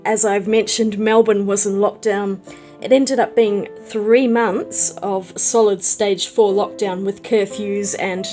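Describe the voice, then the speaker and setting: A woman's voice: medium pitch, darkish tone. A woman, chatting casually in a voice-over while she paints. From New Zealand. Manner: chatty, friendly and rambling. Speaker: watercolour artist and YouTuber.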